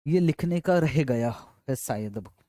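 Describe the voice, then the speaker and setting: A man's voice: medium pitch, expressive, a little slow, mellow, no echo, studio quality. Man coaxing through a step-by-step lecture. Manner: explains step by step, asking and answering students' questions himself; repetitive, coaxing. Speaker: teacher. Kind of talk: classroom lecture.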